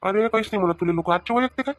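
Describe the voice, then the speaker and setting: Cartoon: fed-up village husband, a man voicing him, high and fast, Vidarbha Marathi accent. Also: dry recording, studio quality, natural voice. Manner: arguing, threatening. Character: exasperated village husband, firm and loyal. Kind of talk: cartoon family comedy.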